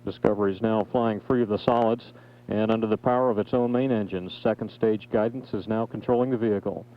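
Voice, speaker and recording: A man giving measured, factual mission control radio commentary on a flight's status. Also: on the low side, steady tone. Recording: dull feed with faint noise.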